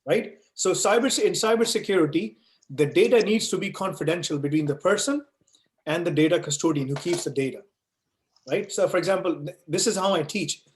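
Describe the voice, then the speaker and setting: A man with a high-sitting voice teaches at a brisk pace during a live online Q&A session, answering questions as a course instructor over an echoey video call. He explains with everyday analogies and frequently drops in "right?" and "you know."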